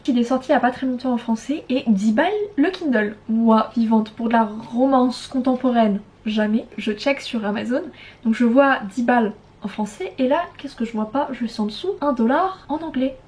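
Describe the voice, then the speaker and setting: A woman's voice: fairly high pitch, normal speed, darkish tone. A chatty young woman vlogger talking casually and enthusiastically about books, frank in her opinions. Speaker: book vlogger. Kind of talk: casual book chat to camera.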